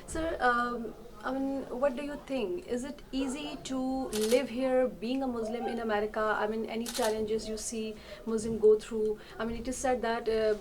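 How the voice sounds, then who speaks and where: A woman's voice: fairly high pitch, flat delivery, moderate pace, background noise. A woman interviewer putting questions hesitantly, with frequent fillers.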